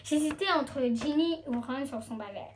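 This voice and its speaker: A woman talking to her viewers in a casual, excitable, rambling vlog with lots of fillers. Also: high voice, moderate pace, heavy background noise. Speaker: YouTuber showing her collection.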